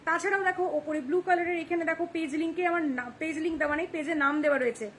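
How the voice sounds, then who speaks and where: Fast-talking high-voiced young woman. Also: a bit bright, slight background noise. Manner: fast, chatty, keeps checking "ঠিক আছে?". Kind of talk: live-stream sales pitch. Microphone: phone camera.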